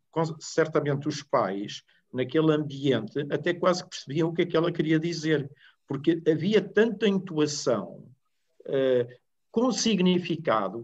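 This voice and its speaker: Halting man on a muffled line. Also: fairly high pitch, a little mellow. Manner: thoughtful, halting, many restarts. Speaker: panel guest. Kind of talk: panel discussion. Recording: dull lo-fi recording.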